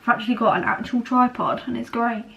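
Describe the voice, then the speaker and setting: A woman in her twenties chatting casually to her camera at home, rambling a little and filling pauses with ums. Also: on the high side, flat delivery, a bit bright, breathy edge, lo-fi sound. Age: 20s. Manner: chatty, rambling, many fillers. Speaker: vlogger. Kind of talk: casual vlog chat. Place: at home, indoors. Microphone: camera on a small tripod.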